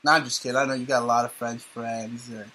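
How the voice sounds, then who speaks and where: Sardonic talk radio host, bright voice. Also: male voice, medium pitch, level tone, fast, low-quality recording. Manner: rambling, sardonic, joking. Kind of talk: casual talk radio banter.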